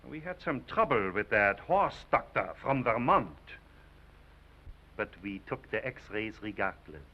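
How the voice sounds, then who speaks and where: Pompous doctor, animated delivery. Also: male voice, on the low side, measured pace. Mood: stern, emphatic. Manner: formal, emphatic, declamatory. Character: pompous foreign specialist doctor, precise, self-important man. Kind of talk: 1930s screwball film acting. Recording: muffled, hissy 1930s film soundtrack.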